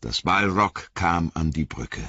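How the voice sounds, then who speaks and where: A man reading a fantasy novel aloud as an audiobook narrator, in a measured, dramatic way. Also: deep voice, expressive, vocal fry, bright, forceful tone, breathy edge, dry recording, dull audio.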